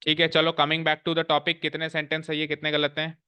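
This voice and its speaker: A man's voice: fairly high pitch, monotone, moderate pace, bright, forceful tone, clean tone. Man lecturing a class, scolding. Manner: scolding, lecturing with rhetorical questions; mixes English phrases into Hindi. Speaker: teacher. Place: classroom with students.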